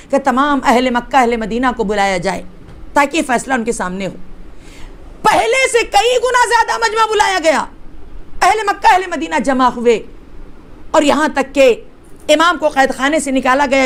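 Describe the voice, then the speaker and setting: A woman's voice: high voice, a bit bright. A woman religious teacher from Hyderabad, India, telling a sacred story to women with drama and rhetorical questions to her listeners.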